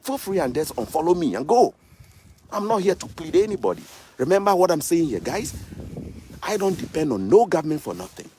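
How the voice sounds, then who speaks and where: A man's voice: a little high, very animated, a little fast, warm tone. A man in his thirties with a Ghanaian English accent, ranting to the camera in a vlog and firing off repeated rhetorical questions like a preacher. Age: 30s. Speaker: vlogger. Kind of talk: impassioned political rant to camera. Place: outdoors in snow.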